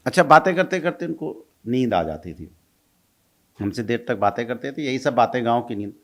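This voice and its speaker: A middle-aged man tells stories as an interview guest, in a voice of middling pitch. He talks casually, laughs along the way and acts out the lines of the people in his stories. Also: normal speed. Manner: animated, laughs while recounting, acts out quoted lines. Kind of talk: casual storytelling.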